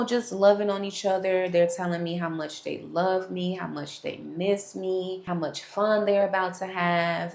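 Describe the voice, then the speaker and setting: A woman's voice: fairly low pitch, a little mellow. A young woman frankly telling her personal testimony straight to viewers. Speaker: vlogger sharing a testimony. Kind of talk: candid personal storytelling to camera. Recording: echoey room.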